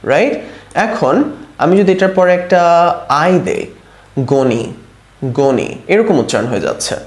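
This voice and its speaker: A man's voice: fairly high pitch, darkish tone. Bengali-speaking man teaching phonics, roomy echo. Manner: slow, sounds words out syllable by syllable, often asks "right?". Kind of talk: informal online lesson.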